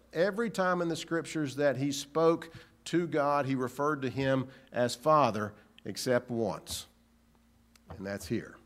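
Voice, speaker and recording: A man's voice: medium pitch, a bit bright. A man preaching a sermon in an earnest, searching way, asking rhetorical questions and often restarting phrases. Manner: halting restarts.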